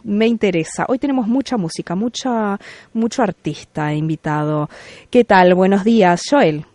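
A woman's voice: medium pitch, moderate pace, darkish tone, no room sound. A woman hosting a radio interview, asking friendly, leading questions. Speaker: radio host.

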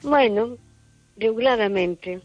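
An older woman from Madrid, Spain, phones in to a radio show and chats casually, rambling and repeating herself. Her voice is fairly high and slow, and the call-in line sounds dull and muffled, with no echo and soft music in the background.

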